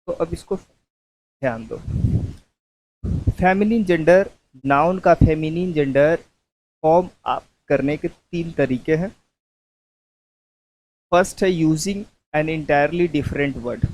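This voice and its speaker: Guy teaching grammar, dictates real slow, repeats every term, calls students babu. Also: fairly high pitch, a little mellow, poor audio. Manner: slow, repetitive dictation, mixing English terms into Hindi.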